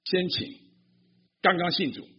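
A man from Fujian, China, serving as pastor, addressing a church congregation in a lively way and drawing the crowd in with questions. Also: sits high, measured pace, highs cut off.

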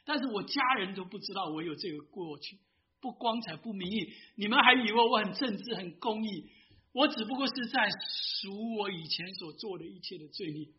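A man's voice: sits high, lively intonation, moderate pace, dull audio, slight background noise. A man voicing a guilt-ridden old male general confessing a secret, told within a sermon.

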